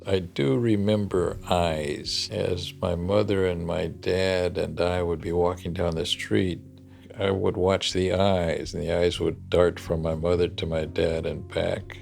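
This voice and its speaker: A man's voice: sits low, level tone, a little slow, vocal fry, a little mellow, soft background music. An older man recalling his childhood in an interview, plainspoken and reflective. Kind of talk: reminiscing interview.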